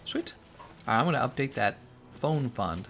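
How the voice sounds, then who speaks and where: A man's voice: mid-range voice, expressive, moderate pace, gravelly, a bit bright, soft background music. A man giving casual, slangy, exclamatory livestream commentary on a game while chatting with his viewers. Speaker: game streamer.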